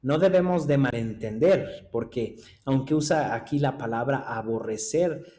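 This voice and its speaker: Emphatic pastor preaching. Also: male voice, mid-range voice, a little slow. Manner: emphatic, swings between loud exclamations and soft asides. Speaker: pastor teaching a discipleship class. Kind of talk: sermon.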